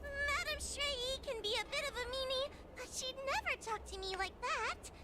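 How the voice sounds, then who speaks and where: A woman's voice: very high voice, normal speed, background noise. A woman voicing a timid, anxious young girl in a video game, hesitant and childlike.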